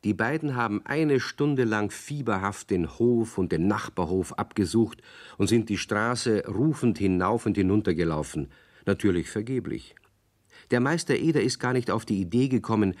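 A man narrating a children's radio play in a calm, measured storytelling manner. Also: fairly low pitch.

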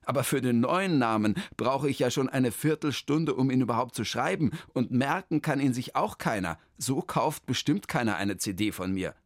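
A man's voice: medium pitch, normal speed, few pauses, dry recording, studio quality, pitched above the performer's own voice, lightly acted. A man voicing a flustered, stammering male concert pianist in a children's story. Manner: hesitant, stammering.

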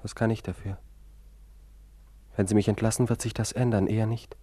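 A man's voice: fairly low pitch, moderate pace, lightly acted. Radio play: male actor as a defiant asylum patient, bitter and sarcastic, long reverb. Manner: intense, bitter and sarcastic toward the doctor. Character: troubled young man held in an asylum, defiant. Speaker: patient confined to a sanatorium. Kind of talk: German radio play acting.

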